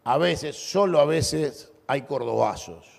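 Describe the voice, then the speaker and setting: Male Argentine political orator: booming balcony delivery, rousing and declamatory, creaky grain, big reverberant venue. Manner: booming balcony speech, declamatory with dramatic pauses and repetition. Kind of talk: rousing political rally speech. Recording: long echoing reverb of a large venue.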